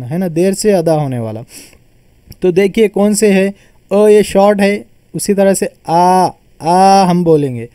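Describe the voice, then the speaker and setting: A man's voice: sits high, dark tone, smooth, no room sound, studio quality. A man teaching a grammar lesson, patiently explaining and repeating terms as he sounds them out.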